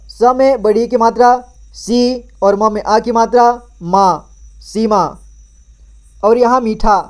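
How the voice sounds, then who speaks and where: A man's voice: high voice, a little mellow. Patient man teaching Hindi reading. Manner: patient, repeats each syllable, asks the viewer to read. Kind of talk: children's reading lesson.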